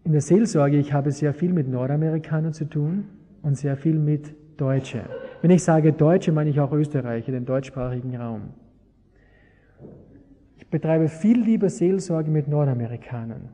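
A man's voice: on the high side, moderate pace, dark tone. A man preaching a sermon, engaging his listeners with rhetorical questions. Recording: long hall reverb.

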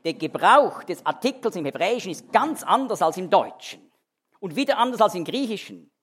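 A man's voice: high voice, sing-song, brisk, a bit bright, slightly rough. A man teaching a sermon verse by verse, explaining emphatically and often restarting his sentences. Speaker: Bible teacher. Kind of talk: expository sermon.

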